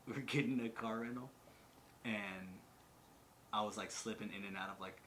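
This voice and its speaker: A man's voice: on the low side, steady tone, normal speed, fairly bright tone, slight background noise. Rambling, swearing male podcast host. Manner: rambling, profane, full of "like". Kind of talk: casual chat.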